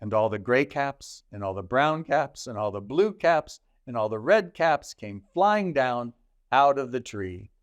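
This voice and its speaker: A man reading a children's story aloud in deliberate, expressive phrases with dramatic pauses. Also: mid-range voice, smooth, dry recording, lo-fi sound. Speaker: storybook reader.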